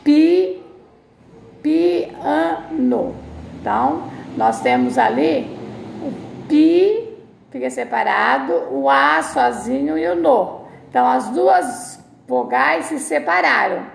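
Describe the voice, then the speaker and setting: Slow, gravelly-voiced woman teaching. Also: high voice, big pitch swings, slight background noise. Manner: slow, deliberate syllable-by-syllable explanation. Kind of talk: recorded video lesson for children. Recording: echoey room sound.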